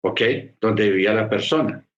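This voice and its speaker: A man's voice: lowish voice, moderate pace, reverberant, highs cut off. A man preaching a sermon, explaining patiently and repeating key phrases for emphasis. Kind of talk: sermon teaching.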